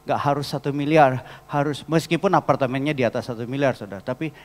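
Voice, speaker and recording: A man preaching a storytelling sermon as a pastor, lively and often calling out to the congregation. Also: mid-range voice, quick pace. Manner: lively, addresses the congregation as "saudara". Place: large church hall. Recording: long church hall reverb.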